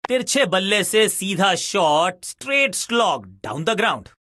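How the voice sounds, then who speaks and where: A man delivers excited cricket commentary in a high, forceful voice. His phrasing is dramatic and flowery, full of exclamations, with a bright edge that cuts through. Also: unhurried, no room sound, studio quality.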